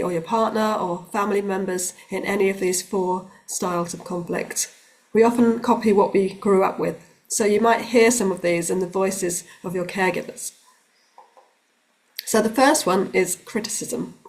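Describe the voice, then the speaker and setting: A woman working as a relationships coach, giving calm, explanatory advice straight to the camera with the odd um. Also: medium pitch. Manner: calm, explanatory, with occasional ums. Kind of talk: direct-to-camera advice talk.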